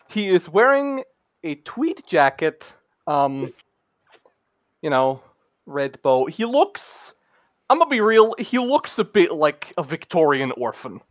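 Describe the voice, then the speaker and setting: A man's voice: on the high side, very animated, slow pace, pauses often, no echo. A man narrating a tabletop game as game master, rambling and hesitant with many fillers, on a dull lo-fi mic.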